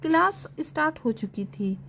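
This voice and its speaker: A woman with a high voice reads a romantic novel aloud. Her narration is steady and expressive, and a faint hiss sits behind it. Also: moderate pace.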